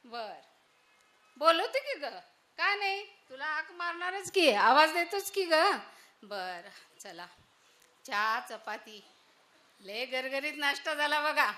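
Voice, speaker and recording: Cantankerous old village mother-in-law, played by a woman, high bright voice. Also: expressive, takes it slowly, long pauses, full character voice. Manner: grumbling, loud calls and complaints. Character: older village mother-in-law, scolding, self-pitying. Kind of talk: solo stage monologue.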